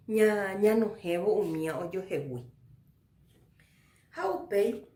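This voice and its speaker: A woman teaching a Guarani language lesson, explaining slowly and checking understanding with little questions. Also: medium pitch, roomy sound. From Paraguay.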